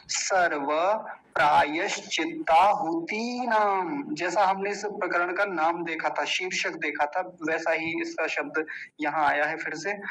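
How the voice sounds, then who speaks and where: A man teaching the pronunciation of a Sanskrit mantra, breaking words into syllables and repeating them slowly and carefully. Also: fairly high pitch, pushed and bright, a little hiss or hum, poor audio. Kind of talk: recitation lesson.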